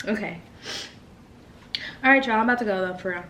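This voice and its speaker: A woman's voice: mid-range voice, a little fast, pushed and bright, slight background noise. A woman in her twenties talking casually to camera over a meal, encouraging her viewers and calling them y'all. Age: 20s. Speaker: vlogger. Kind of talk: casual mukbang talk to camera. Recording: echoey room, far from mic.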